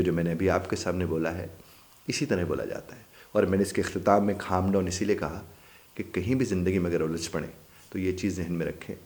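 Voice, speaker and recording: A man teaching a spoken-English lesson, repeating each phrase and translating it in an unhurried, explanatory way. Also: sits low, a little mellow.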